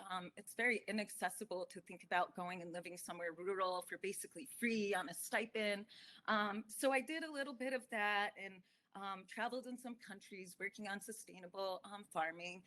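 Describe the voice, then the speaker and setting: A woman farmer and speaker from the United States and Ethiopia gives a conversational online summit talk with slides. Her medium-pitched voice is a bit bright, and she sounds earnest, with frequent ums.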